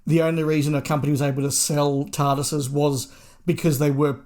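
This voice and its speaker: A man's voice: on the high side, level tone, a little fast, darkish tone. A man co-hosting a podcast, talking hesitantly and often restarting his sentences. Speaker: podcast co-host. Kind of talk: casual review chat.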